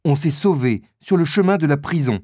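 A blustering musketeer snaps at people in a gruff, irritable tone, as a man reads him aloud. His pitch swings with lively emphasis. The sound is dry and close. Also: moderate pace, no echo. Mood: irritated. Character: blustering quick-tempered male musketeer.

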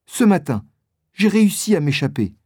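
A man's voice: sits high, sing-song, normal speed, mellow, husky, no room sound, studio quality, voice pushed up, full character voice. A man reading a storybook aloud, voicing a frightened young woman who pleads in a raised voice. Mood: pleading.

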